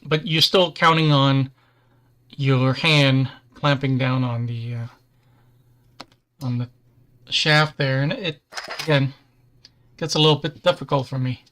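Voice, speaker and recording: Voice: mid-range voice, fairly even intonation, slow pace, long pauses, fairly bright tone. A host chatting casually on a livestream while building a model kit, easygoing, with dry self-deprecating humor.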